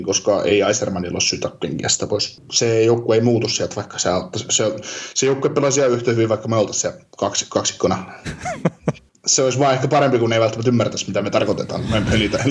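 Lowish in pitch, this man co-hosts a laid-back podcast, wandering through his thoughts out loud with plenty of filler words, captured on a dull, lo-fi recording with a bit of background noise.

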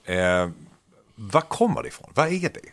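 A man voicing an earnest male performance coach who asks measured, probing questions. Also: on the low side, sing-song, a bit bright, no room sound, studio quality.

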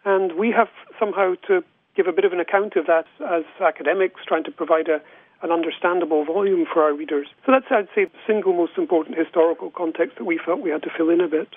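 A high-pitched man talks like a scholar in a radio interview, measured and given to restarting his sentences and repeating words. His voice comes through a thin, phone-like line, close and without room sound. He has the air of an academic editor explaining his work. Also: steady tone, no echo.

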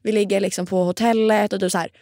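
A young woman co-hosting a casual podcast chat, relaxed and chatty, her voice a little hoarse. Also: mid-range voice, no room sound, clean studio sound. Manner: relaxed, chatty, frequent filler words. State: slightly hoarse voice. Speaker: podcast co-host.

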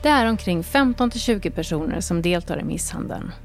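A woman hosting a podcast, reading scripted narration in a measured, calm way and putting questions to her guest. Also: lowish voice, faint music behind. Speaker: host and narrator.

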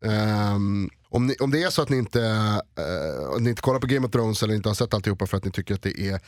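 A man's voice: fairly low pitch, animated, no echo, clean studio sound. A man co-hosting a podcast in casual chat, blunt and dismissive, laughing often. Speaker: podcast co-host.

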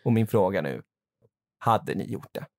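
A man's voice: low-pitched, lively intonation, creaky, darkish tone, dry recording, clean studio sound. A young man and podcast co-host, telling a rambling story in casual chat, swearing and using many fillers.

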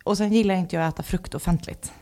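A woman co-hosting a casual podcast, an animated storyteller who is quick to get exasperated and laughs often. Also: fairly low pitch. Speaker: podcast co-host.

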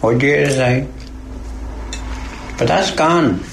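A man's voice: fairly high pitch, drawn-out words, creaky. An older man with an Irish accent, reminiscing informally for a documentary. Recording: echoey, with faint background noise.

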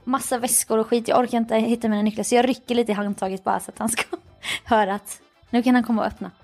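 A woman's voice: on the high side, faint music behind. A tired woman chatting casually, telling a story with lots of laughter and acted-out dialogue. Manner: animated storyteller, acts out dialogue, laughs often. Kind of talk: casual chat.

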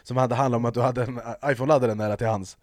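A man hosting a casual podcast, chatty and filling pauses with hesitations. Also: medium pitch, fairly even intonation, darkish tone, dry recording, studio quality. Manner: chatty, lots of hesitation sounds. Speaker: podcast host.

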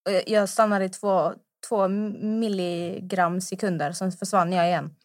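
A young woman in casual podcast chat who teases her co-host, laughs easily and rushes through quick anecdotes. Her pitch is unremarkable, right in the middle. The sound is dry and close. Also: fairly even intonation, no echo.

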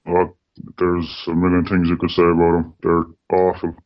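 This man's voice, run through a distortion filter that deepens and disguises it, comes across monotone at a moderate pace. As an anonymous guest on a radio interview, he speaks plainly and matter-of-factly with lots of "like" and "you know," and the audio sounds dull and lo-fi.

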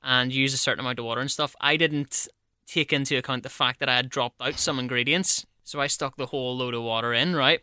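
A man's voice: medium pitch, steady tone, quick pace, bright, forceful tone, smooth, dry recording, studio quality. A man co-hosting a podcast, telling stories in a chatty way and laughing at himself. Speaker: podcast co-host. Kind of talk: casual chat.

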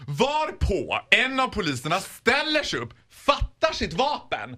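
A man spins a comic story as a radio guest, his voice swinging widely and sounding bright and forceful. He laughs often and slips into the voices of the people he describes. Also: sits high, huge pitch swings.

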